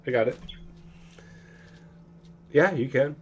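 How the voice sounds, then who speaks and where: A man narrating a casual tabletop roleplaying game as game master, in an animated way. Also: mid-range voice, drawn-out words, crowd noise.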